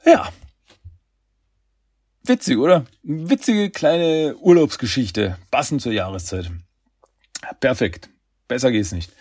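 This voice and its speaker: A man's voice: mid-range voice, lively intonation, takes it slowly, pauses often, darkish tone, slightly rough, dry recording. A man hosting a podcast, chatting in a loose, rambling way. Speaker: podcast host. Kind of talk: casual chat.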